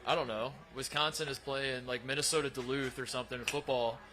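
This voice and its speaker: A man's voice: medium pitch, steady tone, fairly quick, bright, forceful tone. A young adult man co-hosting a casual chat, bantering in a joking, easygoing way. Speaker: co-host.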